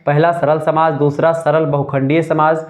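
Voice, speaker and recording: Guy teaching sociology live, kinda high voice, repeats stuff and restarts a lot. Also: flat delivery, normal speed, muffled recording. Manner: explaining step by step, repeats key points, frequent restarts. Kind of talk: live online lecture.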